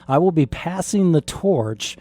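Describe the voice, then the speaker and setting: Laid-back male radio host, mellow tone. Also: on the high side, lively intonation, a little slow, dry recording. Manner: laid-back, chatty, many fillers. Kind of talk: casual radio chat.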